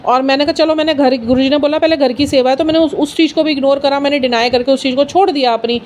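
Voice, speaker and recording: A woman's voice: high voice, steady tone, fast talker, darkish tone, a little hiss or hum. A middle-aged woman giving an earnest, personal spiritual talk, mixing in English phrases. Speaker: satsang speaker.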